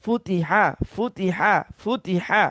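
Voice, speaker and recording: Male Quran teacher for a repetition drill: slow, patient syllable calls, recorded dry. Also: sits high, a bit bright, no echo. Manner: slow drilling, repeats each syllable several times; prompts listeners to repeat after him.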